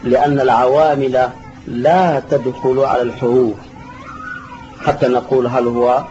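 A man's voice: mid-range voice, flat delivery, moderate pace, dark tone. A man teaching a classroom grammar lesson, patiently repeating key terms and answering students' questions. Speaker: sheikh teaching Arabic grammar. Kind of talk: classroom lesson explaining a text. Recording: dull lo-fi recording with faint hiss.

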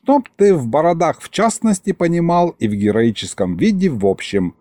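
A man's voice: on the high side, sing-song, moderate pace, warm tone, no echo, studio quality, voice pushed up. A man voicing a cheeky old grandfather who talks in a folksy, teasing way in an audiobook. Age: older. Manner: folksy, wheedling, chuckling. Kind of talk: audiobook character voice.

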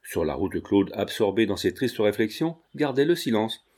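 A man's voice: lowish voice, big pitch swings, normal speed, a little mellow. Man narrating an audiobook.

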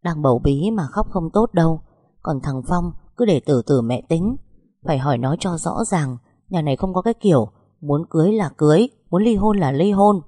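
A woman's voice: low voice, lively intonation, moderate pace, dark tone, husky, dry recording, studio quality. A woman voicing a stern but caring middle-aged mother-in-law who scolds bluntly. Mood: indignant scolding.

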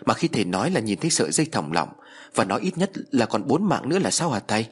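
A man's voice: medium pitch, very animated, quick pace, breathy edge. A man voicing an anxious young woman who stammers and pleads.

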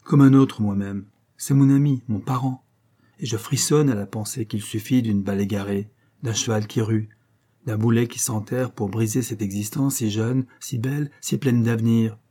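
Hot-headed gallant viscount , read by a man, passionate speeches, warm husky voice. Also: lowish voice, fairly even intonation, normal speed, lightly acted. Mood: impassioned. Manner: impassioned, declamatory.

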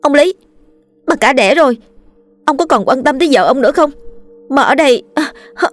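A woman voicing a quick-witted young servant girl who talks briskly and scornfully. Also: mid-range voice, faint music behind, natural voice. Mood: angry scorn. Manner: brisk, sharp, contemptuous.

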